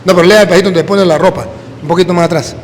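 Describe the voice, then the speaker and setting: A Venezuelan man, a priest, preaching a sermon full of lively personal stories in which he mimics the people he quotes. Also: sits high, rapid-fire, in a large hall. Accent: Venezuelan Spanish.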